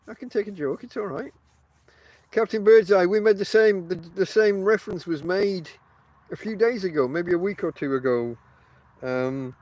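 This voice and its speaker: A man's voice: fairly high pitch, no echo. A middle-aged man with toothless, lips-over-teeth articulation, chatting casually and wryly on a podcast in a self-deprecating way. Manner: self-deprecating, wry banter. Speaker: podcast host. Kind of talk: casual rambling podcast talk.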